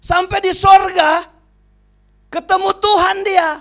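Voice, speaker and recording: Animated high-voiced male preacher. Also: takes it slowly. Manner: animated, dramatic storytelling with sudden drops in volume. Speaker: pastor. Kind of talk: sermon storytelling.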